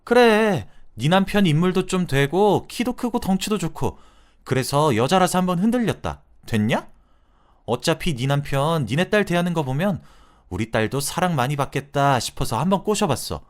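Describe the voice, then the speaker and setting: A man doing a shrill, brazen woman friend. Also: lively intonation, fairly quick, close to an everyday voice. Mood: shouting defiant. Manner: shrill defensive shouting. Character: brazen woman friend caught flirting, defensive. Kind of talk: radio drama acting.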